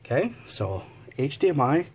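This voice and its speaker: A man's voice: a little high, sing-song, normal speed, darkish tone, breathy edge. A man talking through a casual step-by-step tech tutorial, out of breath and chatty with fillers.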